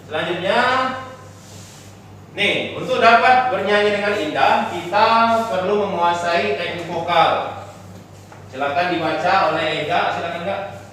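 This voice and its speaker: A man's voice: high-pitched, measured pace, pauses often, a bit bright, a little hiss or hum. A man teaching a singing lesson in a classroom, explaining patiently and singing short examples and solfege. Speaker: music teacher. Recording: echoey classroom from far off.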